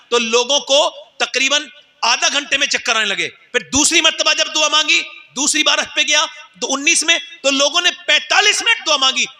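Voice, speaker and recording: Brief: male preacher, emotive sermon storyteller, high voice, echoing hall. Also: sharp tone. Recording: long reverb of a hall.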